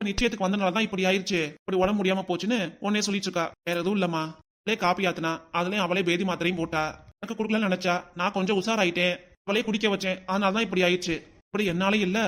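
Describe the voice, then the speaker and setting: A man's voice: high voice, fairly bright tone. A man voicing a stern older village father-in-law in a cartoon, scolding and lecturing his family.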